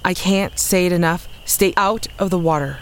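Actor voicing blunt practical scout, clipped delivery, mid pitch, audio drama. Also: moderate pace, a little hiss or hum, lightly acted. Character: tough, practical scout leading the way.

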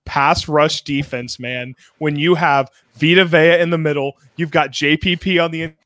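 Higher-voiced man, enthusiastic sports guest. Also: fairly even intonation, moderate pace, bright, forceful tone, no echo. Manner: enthusiastic, informal. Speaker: podcast guest. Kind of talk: casual sports talk. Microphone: close mic on remote video call.

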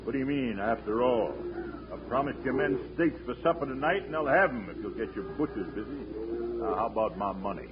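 An American actor playing a gruff, greedy, blustering cattle rustler in an old radio western. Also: male voice, medium pitch, fairly quick, natural voice. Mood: pushy, boastful. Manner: rough frontier grammar, blustering. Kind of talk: 1950s radio western acting. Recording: dull, very noisy vintage radio recording.

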